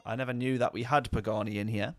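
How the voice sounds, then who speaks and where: A man's voice: mid-range voice, steady tone, quick pace, soft background music. A man talking casually over a racing game stream, rambling and answering viewer chat. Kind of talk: casual gameplay commentary.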